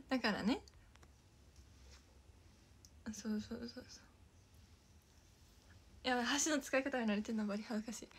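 Young kansai girl streaming from home, giggly, kinda breathy voice, sits up high, half whispers stuff. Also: sing-song, fairly quick, a bit bright. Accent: Kansai Japanese. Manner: chatty, giggly, thanks viewers by name; often drops to a whisper. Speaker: idol livestreamer. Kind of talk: casual livestream chat.

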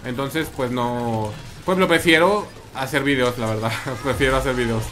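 A man's voice: medium pitch, normal speed, a bit bright. A man with a Mexican accent commenting live on his gameplay, chatting with viewers and repeating his phrases. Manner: chatty, repeats phrases, reads and answers chat. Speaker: streamer.

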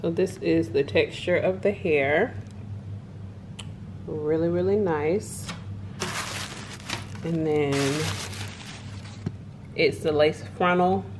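A young adult woman vlogs from her home kitchen and living room, enthusiastically chatting to viewers as she shows off a wig in a casual product review. Her voice is deep and extremely slow, with frequent pauses and background noise.

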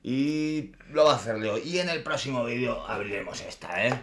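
A man's voice: medium pitch, lively intonation, normal speed, fairly bright tone, a little hiss or hum. A man in his forties with an accent from Spain, hosting with casual, colloquial, playful chat. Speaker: host. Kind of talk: casual chat, unboxing commentary. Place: small room indoors at a desk. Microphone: desk microphone.

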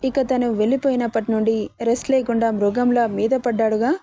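A woman's voice: on the high side, fairly even intonation, brisk, dark tone. A woman narrating a dramatic story and reading all the characters' lines in her own voice.

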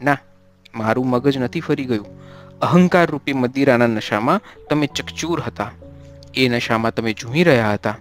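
A serene male ascetic, voiced by a man reading aloud, steady and admonishing in a storybook. His voice sits in a middling pitch. Soft music plays faintly underneath. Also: moderate pace, close to an everyday voice. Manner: steady admonishing, then gentle.

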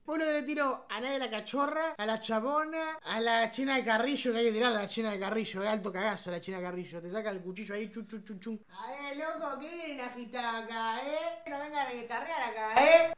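A man's voice: extremely high pitch, a little fast, few pauses, fairly bright tone. Man, host, casual slangy jokes over clips. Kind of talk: comedic video commentary.

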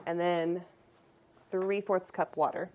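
A woman in her thirties casually talking through a recipe in her home kitchen, relaxed and chatty, picked up by a camera across the room. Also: lowish voice, slow, a little hiss or hum. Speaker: home cooking vlogger. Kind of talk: casual cooking demonstration.

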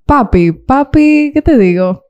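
A young woman speaks with a Dominican accent in a relaxed, animated way. She talks as a guest in an interview, lively and given to acting out the voices of people she quotes. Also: high-pitched, takes it slowly, highs cut off. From Dominican Republic. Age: young adult. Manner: animated, acts out quoted voices, laughs often. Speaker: guest YouTuber. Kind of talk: casual interview talk.

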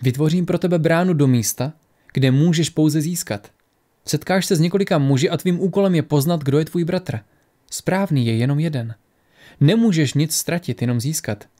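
A man voicing an ancient magical wellspring that grants destinies, speaking slowly and solemnly. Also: fairly high pitch, mellow, natural voice.

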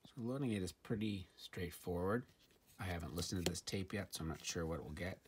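Low-pitched with a breathy edge, a man speaks a little fast while presenting a gadget review indoors at a tabletop. The hands-on demo is informal and somewhat hesitant, like he's thinking aloud, and faint noise and handling clicks can be heard.

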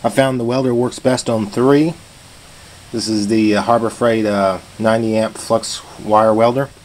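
A home DIY video maker talks through his hands-on repair in a relaxed, plain-spoken way, his lowish, darkish voice holding a steady tone at normal speed. The sound comes from a handheld camera or phone behind the lens, noisy and dotted with clicks.

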